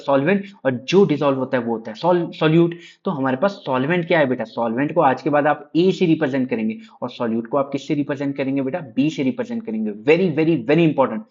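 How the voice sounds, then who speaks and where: Guy teaching chemistry, keeps asking then answering himself, slightly high voice, muffled lo-fi audio. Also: darkish tone. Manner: asks the class questions and answers them himself, calls students "beta". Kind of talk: classroom lecture.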